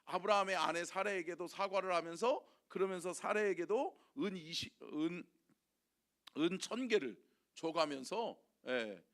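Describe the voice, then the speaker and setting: High, lively-voiced preaching pastor. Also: male voice, a little slow. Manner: emphatic preaching, repeated rhetorical questions to the congregation. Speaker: senior pastor. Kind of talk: early-morning sermon with call-and-response. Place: church sanctuary.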